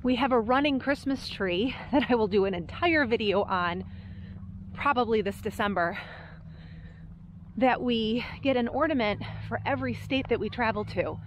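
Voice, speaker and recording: A woman's voice: a little high, moderate pace, slight background noise. An American woman narrating a casual travel vlog in an upbeat, chatty way. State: out of breath after climbing. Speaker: travel vlogger. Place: outdoors at a battlefield park and in a tower.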